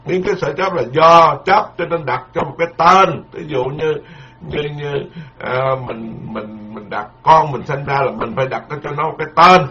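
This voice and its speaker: A man's voice: fairly high pitch, moderate pace, bright, forceful tone, soft background music. A man, a Buddhist monk giving a dharma lecture in a folksy, repetitive, emphatic way, full of proverbs. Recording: dull lo-fi lecture recording.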